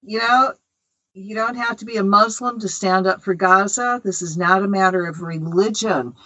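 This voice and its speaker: Here a US-born woman with a medium-pitched, bright, forceful voice talks at a normal speed on her spiritual radio program. She's chatty and opinionated, full of fillers, and the sound is lo-fi.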